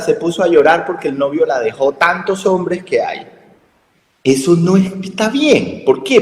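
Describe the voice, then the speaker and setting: A man with a Colombian Spanish accent explains things to listeners in a lively, fairly high voice that swings up and down a lot. He keeps asking rhetorical questions, and his voice rings out in an echoey room with a long reverb tail. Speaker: health communication speaker. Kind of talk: radio talk explaining to listeners.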